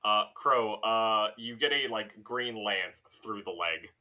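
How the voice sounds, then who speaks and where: A man's voice: lowish voice, slow. A man narrating as game master of a tabletop game, playful and profane as he describes the scene. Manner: animated, swearing, playful.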